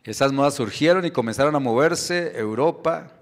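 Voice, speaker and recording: A man's voice: mid-range voice, normal speed. A middle-aged man preaching a sermon as pastor, with emphatic delivery and rhetorical questions to the congregation. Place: church sanctuary. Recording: long church hall reverb.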